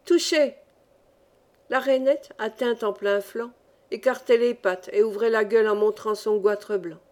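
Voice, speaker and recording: A woman narrating a village story as an audiobook reader, with lively storytelling. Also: medium pitch, normal speed. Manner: lively storytelling, varied pace. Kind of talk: scripted narration.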